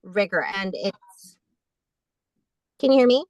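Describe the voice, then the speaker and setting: A woman's voice: mid-range voice, expressive, takes it slowly, darkish tone, no room sound, muffled recording. A woman student panelist answering on a video call, her audio glitching and breaking up as she trails off mid-sentence.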